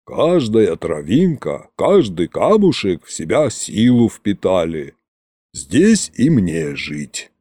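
A man voicing an old immortal sorcerer king who speaks slowly and domineeringly. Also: big pitch swings, mellow, breathy edge, no echo, heavily acted. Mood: musing. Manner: slow, low, domineering.

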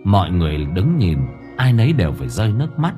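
A man reads a story with expressive, dramatic storytelling. His pitch is on the low side and moves a lot. Soft music plays underneath. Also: quick pace. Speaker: audiobook narrator. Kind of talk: storytelling narration. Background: faint music bed.

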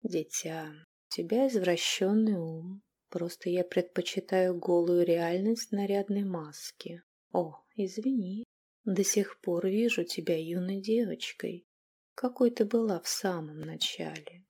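A chained captive god, male and aloof, as a woman reads him. He speaks quietly, calmly and with condescension, softer and slower than the narration. At times he sinks into a hushed, breathy near-whisper. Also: lowish voice, heavily acted. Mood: condescending. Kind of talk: audiobook character voice.

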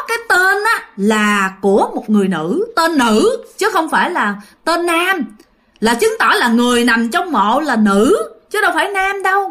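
A woman tells a ghost story in a loose, chatty way and keeps turning to her listeners. Her voice sits high and swings widely from phrase to phrase. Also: a bit bright. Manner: chatty, addresses listeners directly. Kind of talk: casual spoken storytelling.

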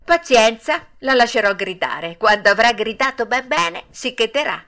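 A woman voicing Pinocchio, a naive wooden puppet boy, with dreamy drawn-out exclamations in an audiobook. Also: on the high side, lively intonation, pushed and bright. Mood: pleading. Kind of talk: audiobook character voice.

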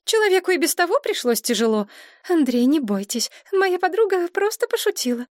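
A woman voicing a fussy, soft-hearted woman who exclaims and pleads in a high, fluttery way. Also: sing-song, fairly quick, no room sound, clean studio sound. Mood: fussing.

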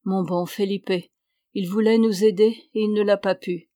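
A woman's voice: mid-range voice, fairly even intonation, normal speed, warm tone, dry recording, clean studio sound, natural voice. Woman reading as a tender young runaway. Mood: earnest.

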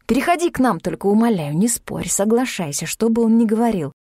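A woman reading an audiobook, voicing an eager, excitable young man obsessed with mountains. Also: on the high side, a little fast, no room sound, clean studio sound. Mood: excited. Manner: eager, pleading and loud. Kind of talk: audiobook character voice.

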